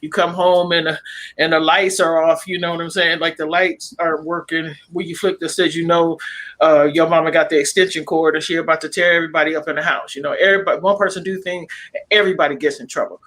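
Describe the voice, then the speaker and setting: A man's voice: fairly high pitch, fairly even intonation, fast, a bit bright. A man speaking on a panel discussion, passionate and emphatic, who acts out the voices of relatives as he makes his points. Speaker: panel guest.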